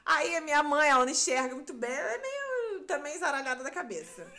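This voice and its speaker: A woman's voice: high voice, quick pace. A woman co-hosting a podcast, telling a funny story in casual chat and mimicking voices as she goes. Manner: animated, mimics voices in quotes, laughs often. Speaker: podcast co-host.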